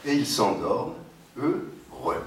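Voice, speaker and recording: A man's voice: medium pitch, expressive. Man telling jokes with a Yiddish accent. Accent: Yiddish-accented French. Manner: slow, playful storytelling with laughing asides. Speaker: joke teller. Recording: noisy echoey archive recording from far off.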